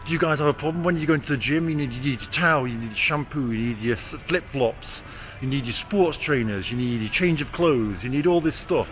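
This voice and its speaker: A forty-year-old man vlogs casually while walking city streets, blunt and self-deprecating and swearing easily. He has a weak R he can't roll or say clearly, and his mid-range voice is brisk and fairly bright. Outdoor city and traffic noise fills the recording.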